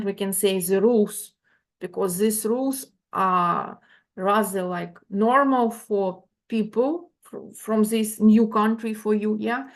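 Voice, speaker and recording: A female lecturer gives a talk online at a medium pitch. Her delivery is halting and full of fillers and restarts. She often asks "yeah?" to check that her listeners are following. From Ukraine. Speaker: university lecturer.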